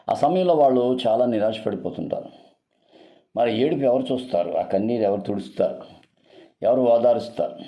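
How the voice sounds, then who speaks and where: A man's voice: fairly low pitch, dark tone. A man with a Telugu accent, a pastor giving an earnest devotional sermon full of pleading rhetorical questions.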